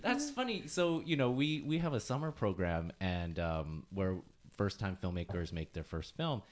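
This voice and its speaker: Halting low-voiced male podcast host. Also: expressive, a little hiss or hum. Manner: halting, many fillers and restarts, laughs easily. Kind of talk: casual conversational interview.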